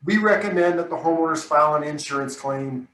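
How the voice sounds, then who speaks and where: A man speaking in a relaxed conversational way, his voice a little higher than most men's and picked up from some distance off the mic. The room adds a clear echo around him, and he keeps tossing in "right?" to pull his listener along as he talks. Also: brisk, slight background noise. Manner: chatty, tags statements with "right?". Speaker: roofing contractor hosting the talk. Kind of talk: casual conversational discussion. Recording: roomy sound from off the mic.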